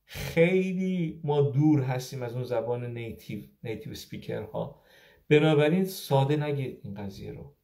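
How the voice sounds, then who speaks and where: A man's voice: mid-range voice, warm tone. A man in his fifties from Iran, an optometrist giving casual advice on a live stream, asking rhetorical questions and repeating key points for emphasis. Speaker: optometrist sharing migration advice.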